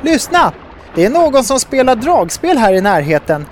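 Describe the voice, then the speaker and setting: A man's voice: high voice, lively intonation, a little hiss or hum. A man voicing a cheerful flying girl. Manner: bright and decisive. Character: cheerful decisive young woman who flies.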